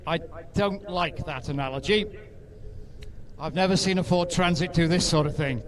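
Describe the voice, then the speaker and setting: High-pitched male airshow commentator. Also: normal speed. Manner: informative, addresses the crowd, lightly wry asides. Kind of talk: live airshow commentary over public address. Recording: outdoor event with crowd and aircraft noise.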